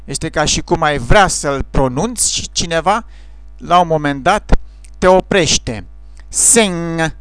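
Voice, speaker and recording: A man calmly teaching English pronunciation sounds, speaking slowly and carefully as in a scripted lesson. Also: on the high side, clear, resonant tone, no echo. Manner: slow, careful, explanatory delivery. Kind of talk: scripted instructional narration.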